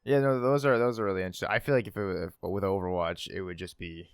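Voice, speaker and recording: A man's voice: low voice, fairly even intonation, quick pace, vocal fry, clear, resonant tone, no echo, clean studio sound. A man co-hosting a podcast in casual chat, rambling with lots of fillers and laughing at himself. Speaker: podcast co-host.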